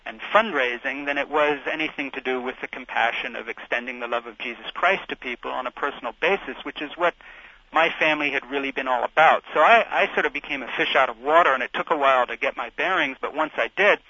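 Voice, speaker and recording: A middle-aged man from Switzerland talks as a guest author on a radio interview. His voice is bright and forceful, and he talks in a thoughtful, rambling way with many restarts. The sound is dull and lo-fi, like old radio. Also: medium pitch, fast, dry recording.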